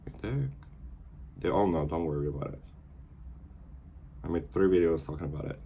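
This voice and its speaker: A young man with a very low, deep voice, chatting casually as a vlog host. He teases bluntly and playfully, with a faint hum of noise behind him. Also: normal speed, gravelly, muffled recording. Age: 20s. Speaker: vlogger host. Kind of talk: casual couple chat.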